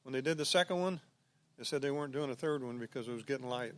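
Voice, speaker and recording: A man's voice: mid-range voice, fast, a little hiss or hum. Easygoing man telling boat stories. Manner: easygoing storyteller, relaxed anecdotes. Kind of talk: casual conversation.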